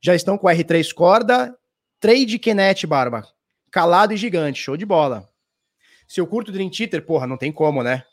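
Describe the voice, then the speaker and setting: A man's voice: high-pitched, animated, normal speed. A Brazilian man hosting a casual live stream, answering viewer questions in a loose, slangy way with swearing and restarts. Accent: Brazilian Portuguese. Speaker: crypto livestream host. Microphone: standing at a live stream mic.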